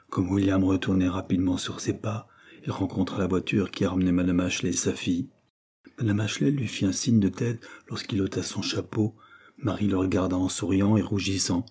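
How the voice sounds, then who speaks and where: Male novel narrator, husky, low and mellow, measured delivery. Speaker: audiobook narrator. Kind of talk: scripted literary narration.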